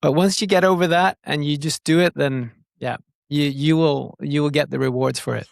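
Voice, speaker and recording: A man with a slightly high voice speaks at a moderate pace in a steady tone with some vocal fry, recorded cleanly in a studio with no echo. He is a digital growth marketer appearing as a podcast guest, explaining things in casual interview talk and repeating words as he thinks. Norwegian is not his native language, and he speaks it brokenly.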